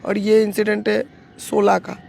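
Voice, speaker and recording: A woman speaks in a heavily gravelly, rough voice while she describes her rescue work in an interview. She talks earnestly and keeps restarting her sentences. A faint hiss sits behind her. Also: medium pitch, completely flat delivery, dark tone. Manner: earnest, halting with restarts and fillers. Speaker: anti-trafficking rescue worker. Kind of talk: storytelling interview answers.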